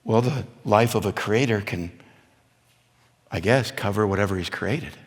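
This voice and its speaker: A man preaching at a men's event, telling stories and building from quiet to loud, emphatic points. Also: on the low side, measured pace. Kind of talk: sermon. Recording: long hall reverb.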